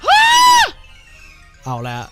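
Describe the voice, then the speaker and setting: A man's voice: drawn-out words, raised voice, loud music behind the voice. A man streaming a game, joking crudely and putting on silly voices for the characters. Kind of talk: let's-play commentary.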